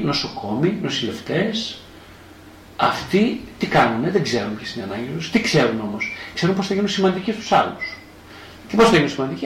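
A man with a fairly high voice lectures as a psychotherapist, and his pitch swings widely as he asks questions and answers them himself. Now and then he slips into the first-person voice of a child. The room is echoey, with faint noise underneath.

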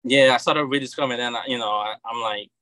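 This comic book creator, a Brazilian guest in his thirties with a Brazilian Portuguese accent, talks fast in a mid-range voice during a relaxed interview chat. He comes across bright and forceful in a dry room with no echo, hesitating constantly, repeating words and restarting sentences.

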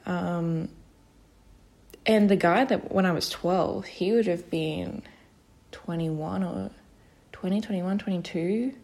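A young woman in her twenties talks through her solo podcast in a low, mellow voice. She speaks slowly and hesitantly, stumbling over fillers and restarts as she admits her nerves. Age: 20s. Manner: nervous, many fillers and restarts. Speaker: podcast host. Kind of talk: casual solo podcast talk.

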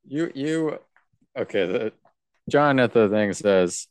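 A man co-hosting a podcast in casual chat, with a hesitant, halting way of talking. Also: mid-range voice, expressive, a little mellow, clean tone, no echo. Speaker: podcast co-host.

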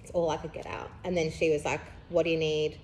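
A woman's voice: low voice, level tone, fast talker, a little mellow, a little hiss or hum. A young woman, chatting candidly as a podcast host, rambling with lots of fillers and laughing through heavy subjects. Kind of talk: casual candid chat.

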